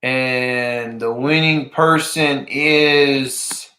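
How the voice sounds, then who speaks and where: In an echoey room, a man running a fishing giveaway livestream talks casually with viewers, often saying things more than once. His pitch is medium with fairly even intonation, and he draws out his words in a sharp tone.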